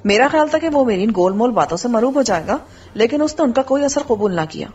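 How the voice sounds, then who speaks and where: A woman narrates a story in a steady, husky voice pitched a bit high. The sound is dull and slightly far from the mic, with faint music running under it. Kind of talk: scripted audiobook narration.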